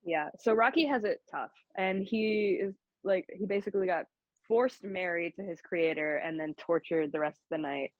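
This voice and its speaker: A woman's voice: fairly low pitch, moderate pace, no room sound, lo-fi sound. A woman co-hosting a podcast in casual chat, recapping a film's plot with frequent laughs and swearing. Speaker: podcast co-host.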